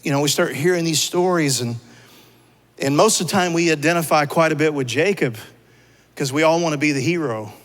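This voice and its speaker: A man's voice: on the high side, brisk. Pastor guy giving a sermon, conversational, keeps asking the room questions, big echoey sanctuary. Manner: conversational, asks the crowd rhetorical questions. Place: church sanctuary. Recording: long church hall reverb.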